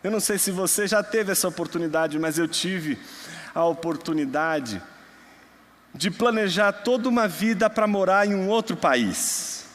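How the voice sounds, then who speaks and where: A young man from Brazil preaching a sermon, moving between quiet storytelling and loud, emphatic passages. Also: high voice, expressive, moderate pace. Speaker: pastor. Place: church hall. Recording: long hall reverb.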